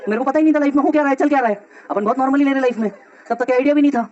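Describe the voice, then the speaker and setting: A male teacher telling a personal story to his students in a lively, slangy way with frequent laughs. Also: very high voice, rapid-fire, muffled recording. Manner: animated, slangy, laughs often.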